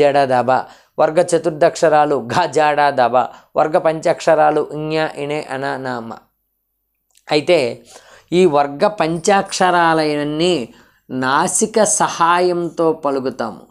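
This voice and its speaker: A man teaching an exam-prep grammar lesson, asking questions and answering them himself while drilling lists of letters. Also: a little high. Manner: drills lists with shifting pace.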